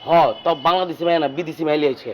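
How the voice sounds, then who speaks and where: Male actor, a gossipy young sidekick, slightly high and quick. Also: natural voice, rough recording. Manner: sly, gossipy tattling. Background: music.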